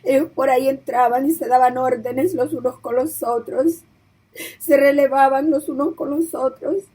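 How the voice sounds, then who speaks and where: Tearful high-voiced woman giving testimony. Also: fairly even intonation, moderate pace, mellow, poor audio. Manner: emotional, voice breaking into tears; repetitive, pleading storytelling.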